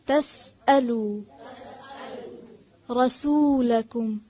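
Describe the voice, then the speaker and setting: A woman teaching Quran recitation, patiently correcting pronunciation with quiet, quick explanations. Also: high-pitched.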